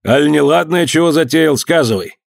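Stern bossy old merchant dad barking gruff orders, a guy reading it, loud and mocking, dry close sound. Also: fairly high pitch, normal speed, no room sound, pitched above the performer's own voice. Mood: wrathful. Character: stern domineering old merchant father, wrathful.

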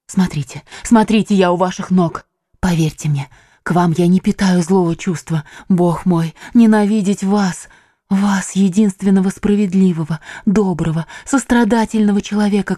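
A woman's voice: fairly low pitch, mellow, no echo, studio quality, close to an everyday voice. A woman voicing a cunning, desperate young noblewoman in an audiobook, speaking in a theatrical, imploring way. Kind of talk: audiobook reading.

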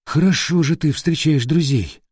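A man's voice: fairly high pitch, moderate pace, a little mellow, slightly rough, no room sound, clean studio sound, pitched above the performer's own voice. A man voicing a jumpy, pragmatic young man in an audiobook. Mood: grumbling. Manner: nervous, defensive. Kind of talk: audiobook character voice.

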